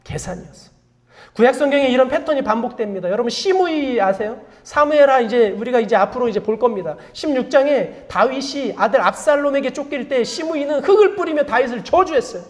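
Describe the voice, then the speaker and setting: A woman's voice: high-pitched, expressive, brisk. A woman pastor preaching a sermon. She asks the congregation many rhetorical questions, prompts them to repeat after her, and admits her own faults. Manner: confessional, self-deprecating asides; call-and-response prompting.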